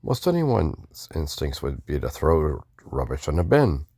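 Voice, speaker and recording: A man's voice: rumbling low, big pitch swings, unhurried, gravelly, dark tone, no room sound, clean studio sound. A man casually talking through a video game playthrough, mumbling offhand asides and restarting words. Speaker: gamer doing a playthrough. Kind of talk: casual gameplay commentary.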